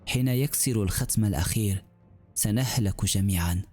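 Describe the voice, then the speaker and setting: A man's voice: fairly low pitch, brisk, warm tone, soft background music, lightly acted. A man voicing a young male prince who speaks grimly and bitterly. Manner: grim and bitter.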